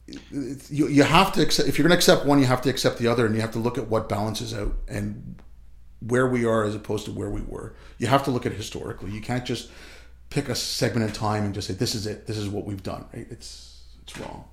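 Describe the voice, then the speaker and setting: A man speaking as a guest in a casual conversation, earnest and a bit halting, often trailing off. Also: mid-range voice, vocal fry. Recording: echoey room.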